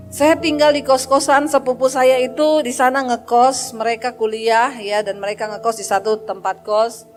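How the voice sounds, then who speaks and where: Woman preacher, high voice, emotional testimony sermon, faint music behind. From Poso, Indonesia. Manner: emotional storytelling, acting out dialogue.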